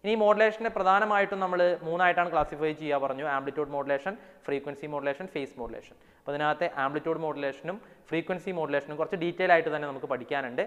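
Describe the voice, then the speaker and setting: A man's voice: a little high, fairly bright tone. Man teaching in a long echo. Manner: explains step by step, reads English definitions out slowly; mixes English terms into his talk, checks with "alle?". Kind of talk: lecture to students.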